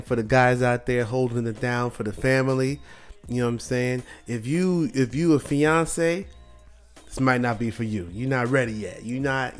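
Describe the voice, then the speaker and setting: Slangy, bro-like American man hosting a podcast. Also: mid-range voice. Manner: laid-back, slangy, bro-like delivery peppered with "yo" and "you know what I'm saying". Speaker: podcast host. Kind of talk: casual solo podcast monologue with hip-hop slang.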